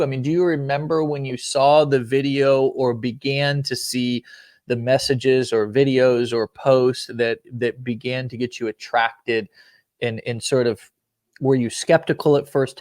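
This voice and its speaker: A man's voice: mid-range voice, no echo, clean studio sound. A man hosting an interview on a call, upbeat and joking, calling his guest "man". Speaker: host.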